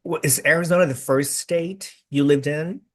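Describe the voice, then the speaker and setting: A man's voice: on the high side, steady tone, normal speed. A man hosting a casual video-call interview, chatty and effusive, with many restarts. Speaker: host.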